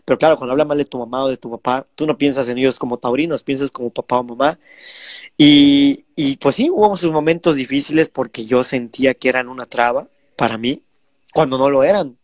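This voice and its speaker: A man's voice: medium pitch, fairly quick, dry recording. A man of twenty-two with a Mexican Spanish accent, telling stories animatedly in a casual interview. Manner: animated storytelling, imitates parents. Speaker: bullfighter guest.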